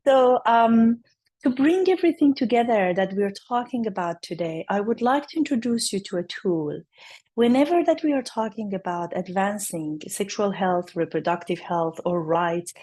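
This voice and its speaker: A woman with a hoarse, raspy voice from laryngitis gives an explanatory presentation as an invited speaker. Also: mid-range voice, dark tone. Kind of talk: presentation to an online conference.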